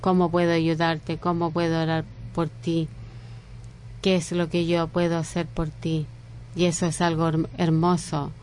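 A woman preaching a sermon in slow, earnest phrases with frequent pauses and restarts. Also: low-pitched, flat delivery, darkish tone, slight background noise.

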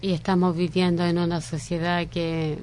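A woman preaching a sermon in slow, earnest phrases with frequent pauses and restarts. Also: fairly low pitch, level tone, darkish tone, a little hiss or hum.

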